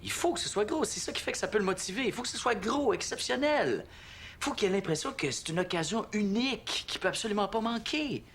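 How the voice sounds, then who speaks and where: A man's voice: sits high, lively intonation, fairly quick, fairly bright tone, a little hiss or hum. An actor with a Québécois French accent playing an eager, persuasive father in a family sitcom, talking colloquially and insistently. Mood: excited, persuasive. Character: eager, persuasive father of a schoolboy, middle-aged. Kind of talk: naturalistic sitcom dialogue.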